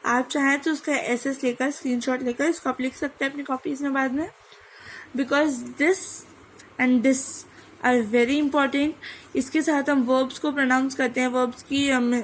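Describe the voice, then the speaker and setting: A woman's voice: sits high, slight background noise, rough recording. A woman teaching French number pronunciation, mixing Hindi with English and sounding out each word. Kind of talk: online language lesson.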